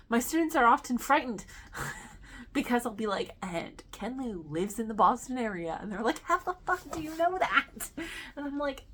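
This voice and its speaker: A woman with a medium-pitched, sharp-toned voice, a teacher who also vlogs about books, chats casually and enthusiastically about books she loves. Her talk is a relaxed book review full of ums, with some swearing.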